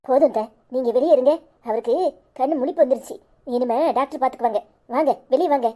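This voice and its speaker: A woman voicing a firm female doctor giving brisk instructions in a cartoon. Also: high-pitched, warm tone, voice pushed down. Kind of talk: cartoon voice acting.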